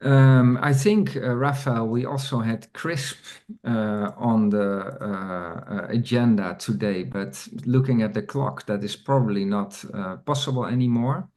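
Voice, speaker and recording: A man's voice: mid-range voice, a little slow, few pauses, a little mellow. A man hosting an online community meeting over a video call, speaking hesitantly with many fillers and restarts. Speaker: meeting host.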